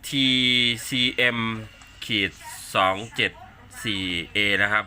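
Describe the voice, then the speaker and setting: Man, lowish pitch, very sharp forceful tone, casual unboxing presenter, halting with repeated words. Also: fairly even intonation. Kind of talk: casual hands-on product demonstration.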